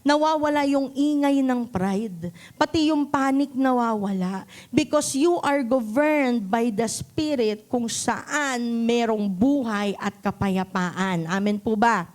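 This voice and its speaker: A woman's voice: fairly high pitch, slow, a little mellow. A woman pastor with a Filipino accent preaching a sermon in a church on a handheld mic, often checking in with the congregation and acting out quotes. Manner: asks the congregation questions often; acts out quotes in voices. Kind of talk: Taglish sermon.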